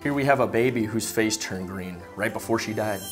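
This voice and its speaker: A woman playing a deadpan, earnest conspiracy-theorist saleswoman in a comedy sketch, with a low voice. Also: brisk, over music.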